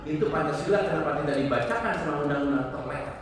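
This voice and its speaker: Animated man lecturing in an echoey hall. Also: fairly high pitch, quick pace, a crowd in the background. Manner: animated, acts out examples in different voices. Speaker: protocol trainer. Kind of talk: workshop lecture to an audience. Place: large hall. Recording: echoey hall, distant mic.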